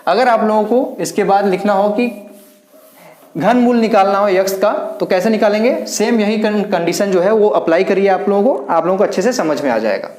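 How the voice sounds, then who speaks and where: A man's voice: sits high, moderate pace, darkish tone. A man teaching a maths lesson, talking students through each step and counting aloud as he writes. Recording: roomy echo.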